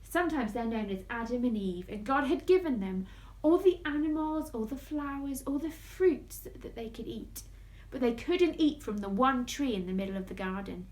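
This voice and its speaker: A woman's voice: on the high side, expressive, moderate pace, darkish tone, low-quality recording. A woman hosting story time for children, talking in an overbright, playful way like a kids' party host.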